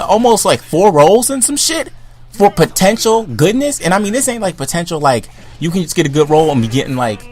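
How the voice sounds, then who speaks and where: A young man in a profane, comedic rant to camera, swinging from loud outbursts to low mutters. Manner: animated, heated, swings between loud outbursts and low mutters, filler-heavy. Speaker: vlogger.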